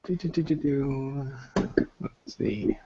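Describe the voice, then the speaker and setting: A man, either the game master or a player rolling combat in a tabletop roleplaying game, talks casually, muttering counts and hesitantly explaining rules. His medium-pitched voice is mellow and slow. The audio comes through lo-fi voice chat.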